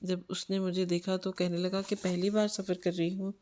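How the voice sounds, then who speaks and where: A woman's voice: on the low side, level tone, dark tone. A woman narrating a story in the first person, earnest and anxious.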